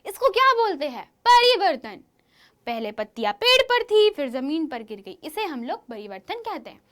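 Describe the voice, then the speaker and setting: A woman teaching a science lesson to schoolchildren, with a lively, questioning manner, often asking the class to answer. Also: sits high, normal speed. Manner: lively, questioning, addresses pupils as children.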